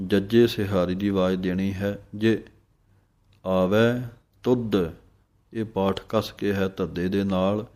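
A man teaching scripture pronunciation, reciting verses slowly and deliberately, then explaining each letter and vowel mark. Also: on the low side, warm tone. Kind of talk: pronunciation lesson with slow drawn-out recitation.

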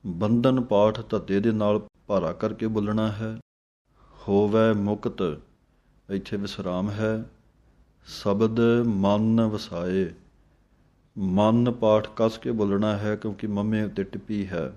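A man teaching the correct pronunciation of scripture, slowly chanting each verse and then explaining it. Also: fairly low pitch, fairly even intonation, mellow, dull audio. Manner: slow chanting of verses between quick spoken explanations. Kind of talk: step-by-step pronunciation lesson.

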